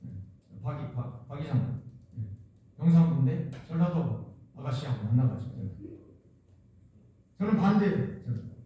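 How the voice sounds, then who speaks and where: Unhurried and animated, with long pauses, a Jeolla-region pastor from Korea preaches in a rather high, dark voice on a muffled recording. He repeats himself emphatically and asks many rhetorical questions, his voice echoing through a church hall from a distant mic.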